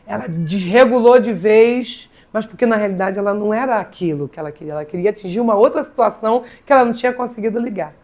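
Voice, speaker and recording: A woman pastor delivering a sermon, dramatic, swinging between loud preaching and hushed storytelling and repeating words for emphasis. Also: medium pitch, quick pace, few pauses.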